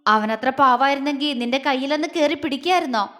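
A woman's voice: high voice, fairly quick, a bit bright. A woman voicing a young husband who teases playfully and grows stern when angry, heard in a reverberant room. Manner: playful coaxing, turning stern at times. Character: young husband, teasing, tender, quick-tempered.

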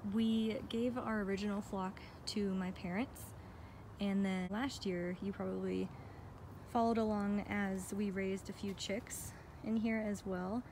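An American woman vlogger gives a casual, chatty, enthusiastic walk-through of her backyard garden, recording outdoors on a handheld phone from behind the camera. Her medium-pitched, darkish voice stays fairly even and measured, with a little hiss or hum in the recording.

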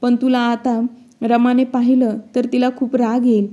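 A woman reads out a meek, submissive grown son who pleads. The voice is slightly high and level. It sounds mellow and unhurried. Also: little pitch movement, muffled recording, lightly acted. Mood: pleading. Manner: pleading reading.

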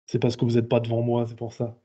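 A man's voice: medium pitch, completely flat delivery, fast talker, mellow. A man with a Rouen accent hosting a webinar in casual chat, mumbling into his moustache. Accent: Rouen French. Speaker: webinar host. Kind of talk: casual online meeting chat. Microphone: video call. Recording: dull lo-fi video call audio.

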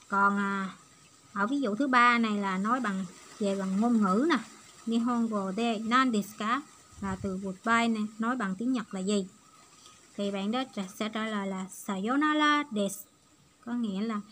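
A woman's voice: mid-range voice, a bit bright, a little hiss or hum. A woman giving a patient, step-by-step online language lesson. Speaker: Japanese language teacher.

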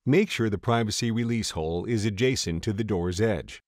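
Male narrator, lowish voice, dry booth sound, calm measured instructional read. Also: dry recording. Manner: steady, measured reading of steps. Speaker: tutorial narrator. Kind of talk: scripted instructional voice-over.

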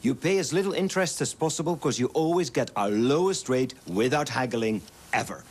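A man's voice: medium pitch, animated, a little fast, husky. A man reading a commercial in an upbeat, salesy way. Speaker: ad announcer. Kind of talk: radio-style commercial read.

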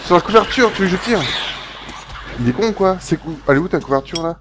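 A man giving casual commentary on a game he plays, excitable, chatty and quick to yelp. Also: sits high. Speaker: gaming YouTuber. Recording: game noise behind voice.

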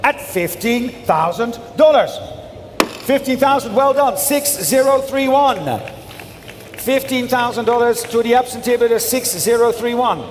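Male auctioneer, high voice, repetitive bid-calling, polite formal address, big reverberant hall, some background noise. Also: unhurried. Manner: courteous, formal address to the room. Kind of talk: auctioneer calling bids live, repetitive chant.

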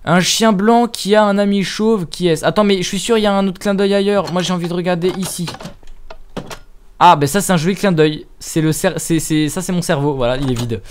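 A young French gaming YouTuber delivers casual, self-mocking let's-play commentary through a headset mic, thinking out loud and swearing as he plays. His voice sits high and moves briskly, with a little hiss or hum on the audio.

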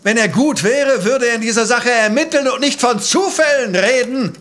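An actor playing an exacting, self-assured professor and amateur sleuth in a German audio drama, speaking precisely and pompously. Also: male voice, very high-pitched, moderate pace, a bit bright. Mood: scornful.

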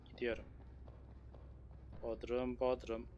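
A man streaming a horror game, chatting casually to himself, reacting loudly and swearing often. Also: mid-range voice, takes it slowly, highs cut off, slight background noise. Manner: excitable, swears often, talks to himself while playing. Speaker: gamer streamer. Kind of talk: casual let's-play commentary.

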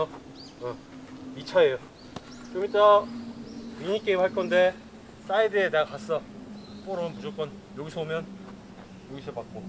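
Recorded by a faraway camera, a thirtysomething man barks brisk commands and directions at football players on an outdoor pitch. Background noise is present.

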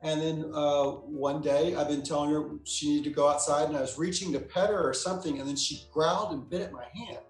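Man, therapist being interviewed, relaxed anecdotal delivery, somewhat high pitch, roomy echo. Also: a little fast, hardly any pauses, soft background music. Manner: relaxed anecdotal explaining, acts out quoted lines. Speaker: psychotherapist guest. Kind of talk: interview answer, storytelling.

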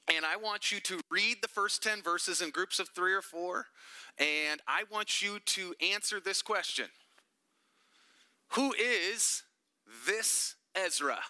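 A man teaching a relaxed church Bible study, with a very bright, ringing voice that sits a little high. He talks to the group in a chatty way and slips in joking asides. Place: church meeting room.

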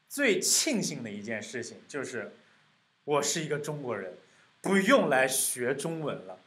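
A man giving a relaxed online English lesson in a fairly high voice that leaps up and down. He explains in Mandarin and drags out the English words syllable by syllable. He keeps repeating himself in a playful way. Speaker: English teacher. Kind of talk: casual online vocabulary lesson.

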